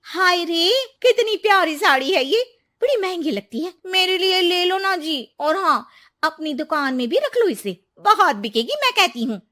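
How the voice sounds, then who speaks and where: A woman's voice: very high-pitched, very animated, a little slow, pushed and bright, pitched above the performer's own voice, full character voice. A woman voicing a merchant's wife who gushes and coaxes. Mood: gushing. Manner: coaxing, gushing.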